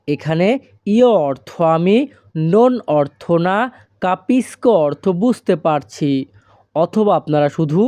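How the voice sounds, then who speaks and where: A Bengali-speaking teacher giving an Italian phrase lesson, saying each phrase very slowly and then breaking it into single words. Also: mid-range voice, warm tone, dry recording. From Bangladesh. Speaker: language teacher.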